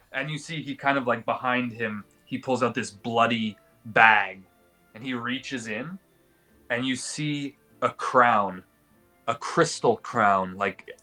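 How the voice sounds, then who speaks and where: Forceful male game master narrating. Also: mid-range voice. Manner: descriptive, colloquial. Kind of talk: improvised tabletop game narration.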